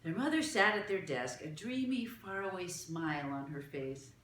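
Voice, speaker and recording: Expressive woman reading a children's novel. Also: on the low side, moderate pace, slight background noise. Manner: expressive storytelling. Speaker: reader. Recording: echoey room.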